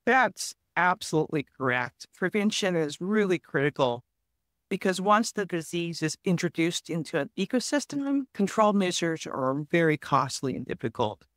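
A woman guest on a podcast interview, calmly explaining forest disease prevention in a measured, advice-giving way. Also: on the low side, no echo, clean studio sound. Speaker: forest health guest expert.

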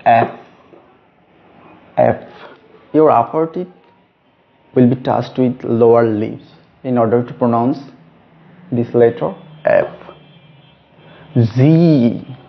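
A man teaching a lesson on letter names, speaking slowly and stressing each letter. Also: mid-range voice, gravelly. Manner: slow, deliberate, stresses each letter name. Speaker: English teacher. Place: room with a whiteboard. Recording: dull lo-fi recording.

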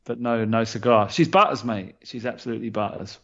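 A man's voice: medium pitch, brisk, a bit bright, muffled recording. A man co-hosting a casual podcast, trading dry, teasing banter. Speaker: podcast co-host.

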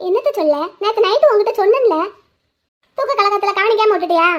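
A quarrelsome younger sister, acted by a woman pleads and complains in a very high voice. She fires off her lines at a quick pace. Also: lively intonation, dull audio. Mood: pleading.

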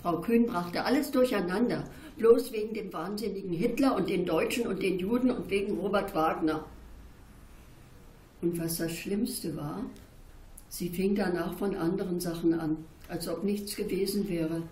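A woman, the author, reading a chapter of her book aloud in a calm, even narrating voice. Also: lowish voice, moderate pace, a little hiss or hum. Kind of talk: literary reading. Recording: roomy echo.

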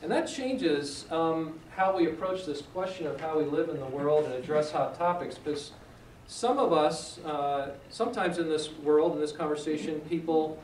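A man's voice: on the high side, normal speed, a little mellow, slight background noise. Male church class leader, conversational and questioning, recorded in an echoey room from a distance. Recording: echoey room, mic far off.

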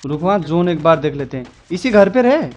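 A man, streaming a game live and calling out moves to his squad in excited bursts. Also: fairly high pitch, a little fast, faint music behind. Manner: excited shouting callouts. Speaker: gamer streamer. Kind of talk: live gameplay squad chat.

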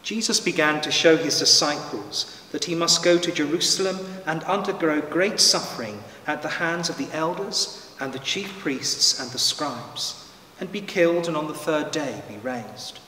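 Priest guy reading the gospel, bright sharp voice, big cathedral echo from far back. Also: on the high side. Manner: measured, solemn reading. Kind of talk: liturgical scripture reading. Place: large church. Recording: long church reverb from far off, faint noise.

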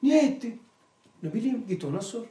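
Animated man teaching in an echoey room. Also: high-pitched, fairly quick. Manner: animated storytelling, emphatic outbursts. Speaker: religious study teacher. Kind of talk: religious lesson talk. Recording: echoey room, mic far off.

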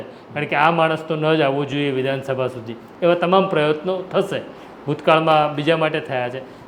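Male interviewer, careful questions, slightly high voice, echoey room. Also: a little hiss or hum. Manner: careful, rephrases his question. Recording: roomy echo.

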